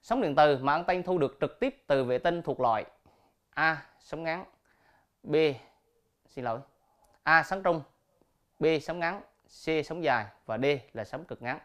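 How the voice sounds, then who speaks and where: A male teacher reading quiz questions and answer options aloud slowly and clearly, then explaining the answers. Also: fairly high pitch, a bit bright. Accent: Vietnamese. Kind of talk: recorded classroom quiz lesson.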